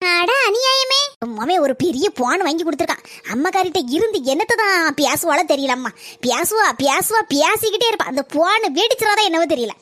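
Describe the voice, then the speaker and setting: A performer voicing a bossy, gossiping old village mother-in-law in a cartoon, with a shrill scolding voice. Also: expressive, fairly quick, dry recording. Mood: grumbling, scolding. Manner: loud complaining, bragging. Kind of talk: cartoon voice acting.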